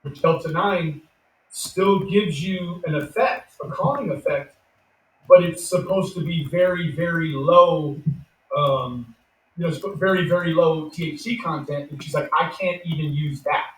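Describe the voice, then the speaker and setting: A man's voice: on the high side, a little slow. A man chatting casually as moderator, easygoing and affectionate, recorded from a distance in an echoey room. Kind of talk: casual discussion.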